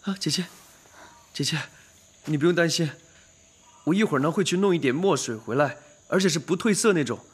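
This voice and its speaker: An actor playing a devoted, earnest young man who speaks softly and coaxingly, pleading with the woman he loves in a TV drama. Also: fairly high pitch, fairly quick, long pauses, husky. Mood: gentle. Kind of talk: TV drama dialogue. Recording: loud film score behind dialogue.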